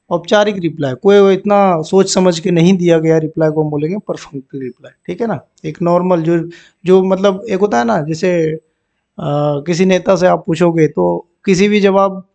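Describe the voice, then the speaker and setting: A man's voice: high voice, gravelly, a little mellow. A man teaching English vocabulary for bank exams, explaining each word in Hindi and often asking "ठीक है ना" to check in. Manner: explains words in Hindi, repeats terms, frequent "ठीक है ना" check-ins; reads example sentences slowly and deliberately.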